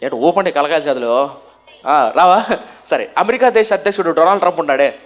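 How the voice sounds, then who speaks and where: A man with a Telugu accent preaching a sermon as a story, asking the listeners questions and answering them himself, rising to loud emphatic bursts and dropping to soft passages. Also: a little high, expressive, brisk.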